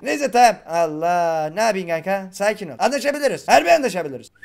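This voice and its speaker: A man giving excitable gameplay commentary, chatting to his viewers and often laughing and shouting in surprise. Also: high-pitched, quick pace, creaky. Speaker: gaming YouTuber.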